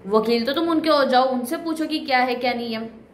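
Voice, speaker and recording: A woman's voice: high-pitched, brisk, slight background noise. A woman casually retelling a film's story in a chatty, wry way with many asides, recorded in an echoey room. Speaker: movie reviewer. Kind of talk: casual movie story recap.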